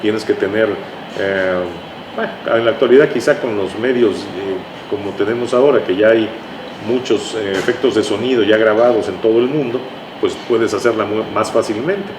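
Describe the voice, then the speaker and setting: This older Mexican man, a writer appearing as an interview guest, talks with a fairly low pitch at a normal speed. He's reminiscing conversationally. The recording comes from an echoey room where background noise is clearly heard.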